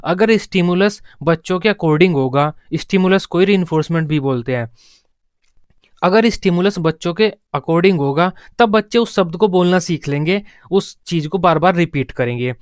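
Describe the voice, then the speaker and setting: A man's voice: sits high, normal speed, dry recording, clean studio sound. A man teaching an exam-prep lesson, repeating key terms and asking and answering his own questions. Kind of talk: classroom lecture.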